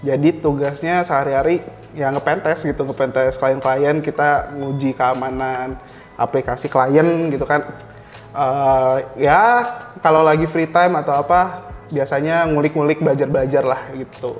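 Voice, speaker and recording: A young Indonesian man with a fairly high, evenly intoned voice speaks at a normal pace as an interview guest. A cyber security engineer, he explains things casually and slips in English tech terms, with a reverberant hall sound and faint music in the background.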